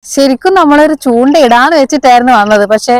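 A woman's voice: sits high, fast talker, no echo, clean studio sound. A woman chatting casually to vlog viewers, mixing English words into her Malayalam. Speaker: vlogger. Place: outdoors on a village road beside fields.

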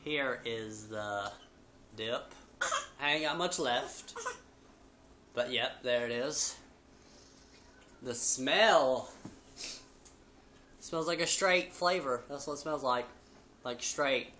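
A man's voice: medium pitch, takes it slowly, pauses often. A man in his twenties hosting a casual review video from his living room. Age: 20s. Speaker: video host. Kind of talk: casual product review chat. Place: living room at home, indoors. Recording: noisy home webcam recording.

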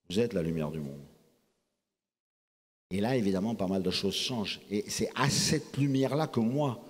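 Older guy preaching, long echo off a huge church, lively, goes quiet then shouts out. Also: mid-range voice. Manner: animated, swings from soft asides to loud calls. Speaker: cardinal preaching. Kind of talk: sermon. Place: large church.

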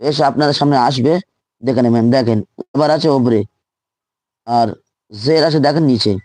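A man's voice: mid-range voice, moderate pace, darkish tone, no echo. A man teaching Quran reading in a live online lesson, drilling letters and syllables aloud and repeating each one patiently.

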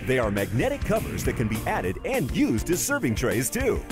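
A man voices a product advert in a sing-song way, his pitch swooping wildly. A loud music bed plays under the voice-over. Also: huge pitch swings, normal speed. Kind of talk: scripted ad voice-over.

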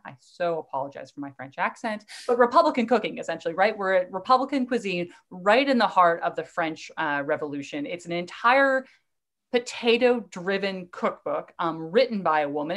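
A middle-aged woman lecturer answering questions in a live online talk, eager and digressive, often restarting her sentences. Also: medium pitch. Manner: enthusiastic, digressive, with fillers and restarts.

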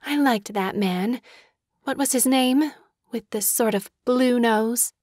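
Coquettish, murmuring Daisy Buchanan. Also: female voice, a little high, slow pace, a little mellow, dry recording, clean studio sound. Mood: charmed.

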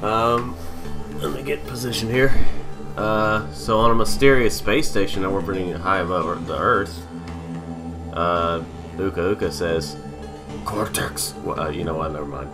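A man's voice: sits low, fairly even intonation, normal speed. A man hosting a casual let's play in a hesitant, rambling, self-deprecating way, sounding slightly distant from the microphone. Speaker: host of a gaming video series. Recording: slightly far from mic, music behind. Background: video game music.

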